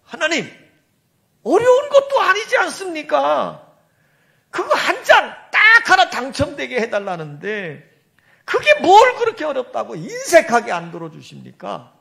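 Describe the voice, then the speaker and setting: A woman's voice: mid-range voice, lively intonation, normal speed, close to an everyday voice. A woman preacher voicing a poor retired old rabbi who bargains and complains to God in a sermon story. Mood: indignant. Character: poor retired old male rabbi, pleading then indignant.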